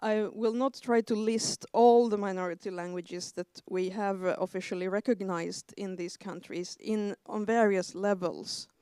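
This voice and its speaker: A woman in her forties, raised in Sweden, speaking as a historian on an academic panel in a measured way with frequent hesitations. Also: medium pitch, fairly even intonation, warm tone, clear, resonant tone, dry recording, studio quality. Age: 40s.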